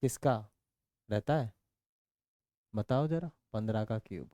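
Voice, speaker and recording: A man's voice: fairly low pitch, measured pace, warm tone, dry recording, studio quality. A man teaching a maths lesson in a casual, playful way, working through sums aloud with jokey stories and constant check-in questions. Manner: counts out working steps aloud.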